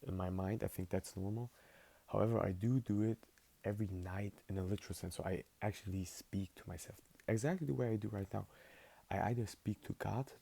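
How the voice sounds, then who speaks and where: An eighteen-year-old vlogger, not a native English speaker, rambles through a laid-back spoken journal packed with fillers. His voice is on the low side, dark and husky with vocal fry, and he talks fairly quickly.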